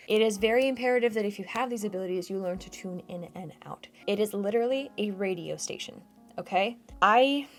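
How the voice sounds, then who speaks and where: A woman hosting her own channel, answering viewer questions in casual chat, laughing often and restarting her sentences. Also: mid-range voice. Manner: chatty, laughs often, restarts and repeats herself. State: shivering from cold.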